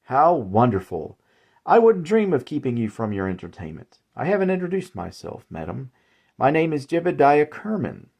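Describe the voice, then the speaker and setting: A man's voice: medium pitch, wildly swooping pitch, normal speed, creaky, a little mellow, slightly rough, pitched above the performer's own voice, heavily acted. A man voicing an old male umbrella salesman who is polite and sinister, with courtly, folksy, old-fashioned phrasing.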